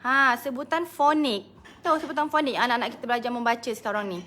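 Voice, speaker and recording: A woman's voice: a little high, quick pace, bright, forceful tone, a little hiss or hum. A Malaysian woman business coach chatting casually on a live stream, greeting viewers by name and laughing often.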